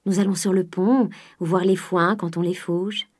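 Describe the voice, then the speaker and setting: A woman's voice: lowish voice, steady tone, moderate pace, darkish tone, lightly acted. A woman reading the part of a pious, timid provincial mother who talks in a prim, easily shocked way.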